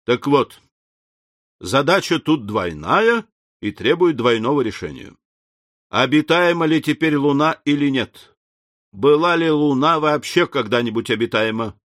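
A man's voice: medium pitch, lively intonation, a little slow, a bit bright, no room sound, studio quality. A man reading a composed, lecturing scholar. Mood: measured. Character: calm, learned middle-aged male leader. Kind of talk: audiobook character reading.

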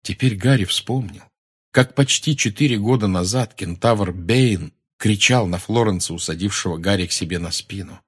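A man narrating an audiobook in a steady, measured reading voice. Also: lowish voice, breathy edge. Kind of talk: scripted narration.

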